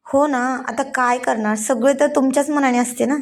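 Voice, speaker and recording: A woman's voice: high-pitched, fairly even intonation, moderate pace. A woman voicing a bashful but teasing young wife in a read-aloud story, speaking lightly and playfully.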